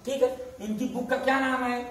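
A man's voice: extremely high pitch, level tone, a little fast, a bit bright. A man teaching a school science lesson in a classroom. He repeatedly asks questions and answers them himself, drilling each key term. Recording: very echoey room, voice far off, faint hiss.

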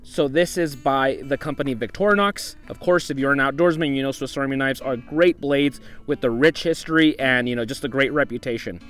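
A man's voice: mid-range voice, fairly quick, few pauses, a bit bright, faint music behind. A young man hosting an outdoor vlog in the desert, talking casually about gear and often saying "once again" and "you know". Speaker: outdoor channel host.

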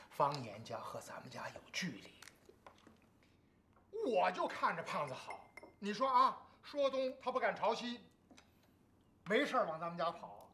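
A woman's voice: medium pitch, a bit bright, close to an everyday voice. An actress playing a meddling middle-aged mother who nags and scolds her daughter in a TV drama. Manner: nagging, scolding. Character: meddling middle-aged mother, fond of another son-in-law. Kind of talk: TV drama acting. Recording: TV drama with faint music.

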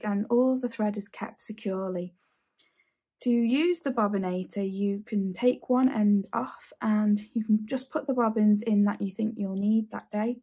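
A woman's voice: mid-range voice, dark tone. A woman in her thirties hosting a casual sewing tutorial from her home sewing room, chatty and enthusiastic. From England. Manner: chatty, enthusiastic, repeats phrases. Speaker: sewing channel host.

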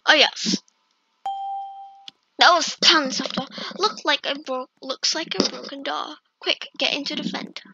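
A woman's voice: sits high, unhurried, noisy background. A woman giving casual gameplay commentary, chatting and reacting aloud to herself as she plays, on a slightly lo-fi recording. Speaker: gaming video host.

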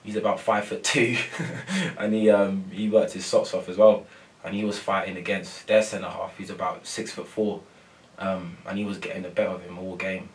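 Far from the microphone in a press room with a sponsor board behind him, a soft-spoken young male footballer does a post-match interview. The unhurried delivery is a low, flat monotone, full of ums and repeated phrases.

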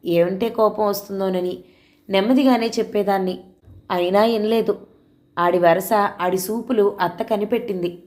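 A woman's voice: medium pitch, fairly even intonation, normal speed, darkish tone, lightly acted. A woman voicing a teenage village girl who is frightened but defiant, telling her mother what happened in an earnest, pleading way.

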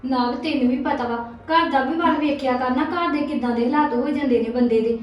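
A woman's voice: high voice, a little fast, close to an everyday voice. An actress with a Punjabi accent playing a young daughter-in-law who defends her household spending, justifying herself and trying to placate. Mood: defensive. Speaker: actor in a family drama. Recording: echoey room, dull lo-fi sound.

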